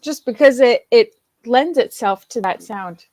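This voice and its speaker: A woman's voice: a little high, a little slow, darkish tone, no room sound. A woman learning words in a casual lesson, repeating them back and laughing often.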